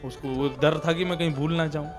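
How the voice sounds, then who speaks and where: A man's voice: on the high side, fairly even intonation, a little fast, music in the background. A male preacher giving a devotional sermon, explaining and stressing correct pronunciation as he tells a story.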